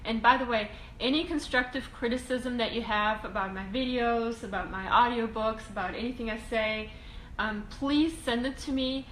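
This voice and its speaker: Woman educator, casual Q&A, slightly high voice, halting with ums; echoey room. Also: a bit bright. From Russia. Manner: halting, frequent ums and restarts. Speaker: real estate investing educator. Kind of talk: casual Q&A video talk. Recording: echoey room, faint ambient hiss.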